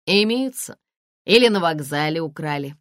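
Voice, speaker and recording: A woman's voice: low-pitched, animated, moderate pace, no room sound. Woman reading jokey sly cop colonel, folksy teasing, swingy voice, dry close sound. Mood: jovial mocking. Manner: mocking, folksy banter. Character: jovial sly male police lieutenant colonel.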